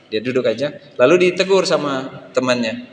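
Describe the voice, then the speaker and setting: Older preacher in an echoey hall. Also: male voice, mid-range voice, normal speed. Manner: animated storytelling that acts out children's voices. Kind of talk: sermon. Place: church service hall. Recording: echoey hall with faint noise.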